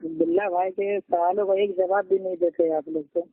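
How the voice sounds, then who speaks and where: A man's voice: high-pitched, steady tone, a little fast, dry recording. An Indian man on a phone call, arguing back defensively and interrupting with short retorts. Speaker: caller in a debate. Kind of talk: heated phone argument. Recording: tinny dry phone line.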